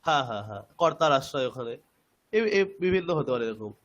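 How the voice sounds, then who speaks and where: A man's voice: medium pitch, expressive, a little fast, fairly bright tone, lo-fi sound. A man teaching Sanskrit grammar in an online class, explaining patiently step by step.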